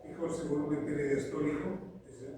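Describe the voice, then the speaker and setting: A man's voice: fairly high pitch, steady tone, a little fast. A man giving a university lecture, walking through each point with rhetorical questions and frequent checks of "¿sí?". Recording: echoey hall from far off, noisy.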